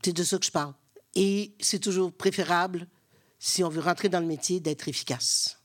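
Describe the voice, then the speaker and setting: A woman's voice: fairly low pitch, steady tone, normal speed. A woman with a Québécois accent, an acting coach, answering interview questions on stage in a blunt, frank way. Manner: blunt, frank, acts out quoted exchanges. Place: theatre stage with live audience.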